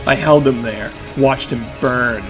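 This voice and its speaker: An actor with a medium-pitched voice plays a battered vigilante narrating his own story in an audio-drama style, speaking in intense, clipped phrases at a measured pace, lightly acted. The mood is grim and tense, with dramatic music playing behind his voice.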